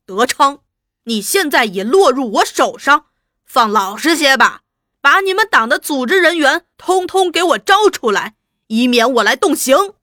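A woman voicing a bullying male interrogator who shouts domineering threats. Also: high voice, sing-song, a little slow, no room sound, clean studio sound, full character voice. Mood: shouting threats.

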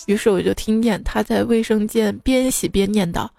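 A woman's voice: medium pitch, moderate pace, creaky, mellow, no echo. A woman host reading funny listener stories in a playful, teasing way, in her speech. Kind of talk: casual comic storytelling. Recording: background music under the voice.

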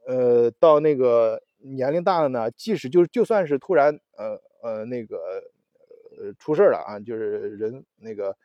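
A man's voice: mid-range voice, normal speed, no room sound. A man hosting a casual solo talk show, rambling with many restarts and fillers. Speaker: podcast host. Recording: dull, lo-fi audio.

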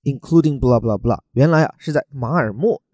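A man's voice: medium pitch, normal speed, a little mellow, husky, no room sound. A man from China, teaching English words from a news article in a chatty, joking way and spelling words out letter by letter.

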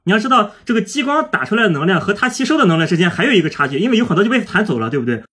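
A man explaining physics on a podcast as a guest, lively and step by step, with everyday images. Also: high voice, racing, husky.

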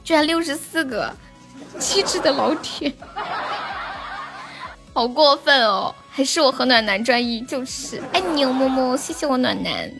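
High-voiced giggly livestream host. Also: female voice, expressive, vocal fry, over music. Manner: giggly, chatty, often rushed. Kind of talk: casual livestream chat.

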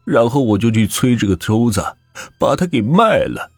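A grieving village wife from a spoken ghost story, pleading in a tearful, high-pitched voice, as a man puts her on. The voice sounds husky and rough, close and dry. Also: big pitch swings, normal speed, no room sound, faint music behind, exaggerated voice. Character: grieving village wife, a middle-aged woman.

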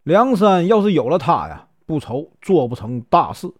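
A man's voice: a little high, sing-song, normal speed, dry recording, studio quality. A male storyteller voicing an earnest, middle-aged outlaw chief who talks in a weighty way.

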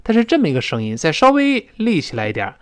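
A man teaching spoken English, his voice sitting a little high and swinging widely as he explains. He drawls out English phrases slowly to model them, with a Mandarin Chinese accent. The close studio recording is dry. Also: wildly swooping pitch, no echo.

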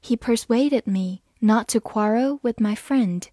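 A woman teacher reading a vocabulary review lesson slowly and deliberately, saying each English word twice and then its meaning, often trailing off softly at the end of a phrase. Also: a little high, dry recording, studio quality.

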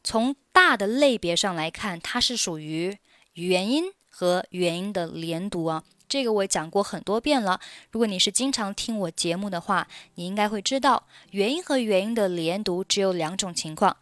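A woman teaching English pronunciation, repeating each phrase slowly before explaining it. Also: medium pitch, animated, fairly bright tone, dry recording, clean studio sound. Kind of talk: slow instructional pronunciation lesson.

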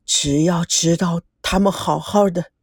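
A woman voicing a grief-stricken old man who speaks slowly and haltingly, choked with emotion. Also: on the low side, fairly even intonation, a little mellow, husky, no echo, studio quality, voice pushed down. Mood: despairing.

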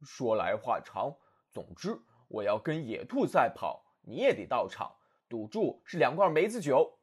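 A man voicing a small, proud, quick-witted male hedgehog in a storybook reading, in a slightly lowered, husky voice. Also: big pitch swings. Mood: bossy. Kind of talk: storybook narration.

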